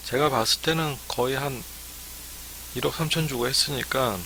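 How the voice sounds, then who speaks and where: Bright-voiced man giving a live lecture. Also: mid-range voice, steady tone, normal speed, a little hiss or hum. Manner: chatty, frequent "ne" fillers. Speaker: academy startup consultant.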